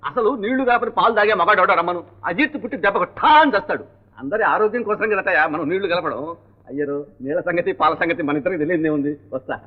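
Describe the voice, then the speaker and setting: A man's voice: high-pitched, racing. A blustering comic milkman. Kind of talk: 1960s comic film acting. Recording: muffled old film soundtrack.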